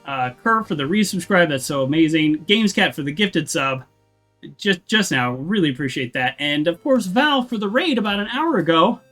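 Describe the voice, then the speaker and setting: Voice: medium pitch, animated, moderate pace, a bit bright, soft background music. Chatty game streamer. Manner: chatty, with frequent restarts and laughs. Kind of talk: casual live-stream chat.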